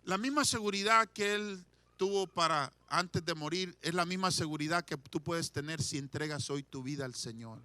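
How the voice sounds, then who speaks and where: Leading his congregation in call-and-response, a male preacher moves from hushed pleading to shouted declarations during his sermon. He speaks at normal speed in a slightly high voice, and there's no echo.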